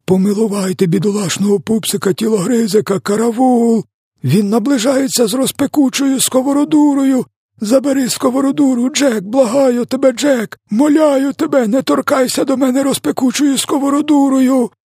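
A huge man-eating giant, squealing way up high in a panic, husky, storybook audiobook. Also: steady tone, normal speed, warm tone, no room sound, clean studio sound, exaggerated voice. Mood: frantic pleading. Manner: wailing, pleading, panicked screams.

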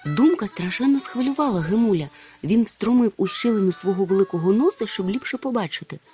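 A woman narrating a children's audiobook in a steady storytelling manner. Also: medium pitch, a little fast. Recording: faint music underneath.

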